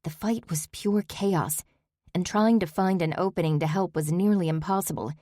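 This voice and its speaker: A woman narrating a first-person audiobook with a steady, measured reading, recorded on a close studio mic. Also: lowish voice, no room sound.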